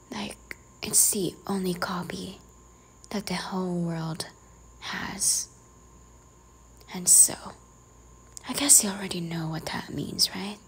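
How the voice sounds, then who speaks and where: A woman whispers in a role-play as a strict, teasing librarian quietly scolding a careless visitor. Her voice is on the low side, and the low-quality recording carries slight background noise.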